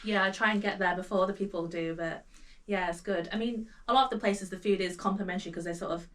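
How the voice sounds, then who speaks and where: A woman's voice: medium pitch, steady tone, fast, fairly bright tone. A woman talking as a guest on a podcast, easygoing and chatty with many fillers. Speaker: podcast guest, food blogger. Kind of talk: casual chat. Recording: somewhat distant mic with faint noise.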